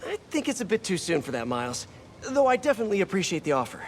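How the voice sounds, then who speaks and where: High-voiced, wry young superhero. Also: male voice, big pitch swings, very fast, slight background noise. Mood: earnest, concerned. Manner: conversational, wry, quippy asides to himself. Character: earnest, wisecracking young male superhero.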